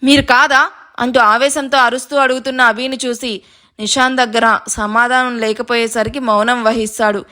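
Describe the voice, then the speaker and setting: A woman narrating an audio story in a steady, descriptive reading manner. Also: a little high, normal speed.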